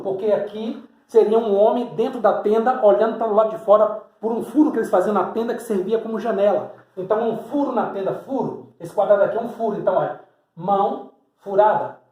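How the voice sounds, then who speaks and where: Man, high voice, teaching preacher who points at a board and asks rhetorical questions, roomy echo. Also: dull audio. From Salvador, Bahia, Brazil. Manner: explains step by step, points at drawings, rhetorical questions. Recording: echoey room.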